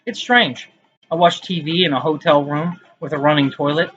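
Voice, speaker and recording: A man's voice: on the high side, steady tone, normal speed, fairly bright tone, dull audio, faint music behind. A man reading his own poems aloud in a casual vlog, with rambling, self-mocking asides between them.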